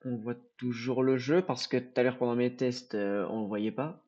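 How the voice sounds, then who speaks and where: A young man streaming a game live, casual and jokey, muttering then suddenly shouting, with swearing. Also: medium pitch, fairly even intonation, moderate pace. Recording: dull lo-fi stream audio with faint game music.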